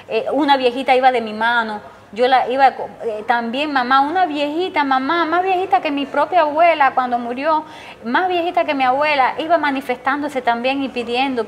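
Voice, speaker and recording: A middle-aged Cuban woman gives an emotional personal testimony about her son, telling events in long runs and raising her voice when she repeats what he said. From Cuba. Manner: tells events in long runs, acts out her son's words in a raised pitch. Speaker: interviewee, mother of a jailed protester.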